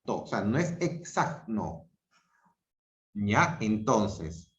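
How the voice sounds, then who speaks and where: A Peruvian man teaching an online grammar class. He talks slowly and deliberately, repeats each example syllable by syllable, and keeps checking in with "¿ok?" and "¿ya?". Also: on the low side, very animated, a bit bright. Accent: Peruvian Spanish. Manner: checks understanding with frequent "¿ok?" and "¿ya?". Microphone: video call. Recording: roomy, dull video-call audio.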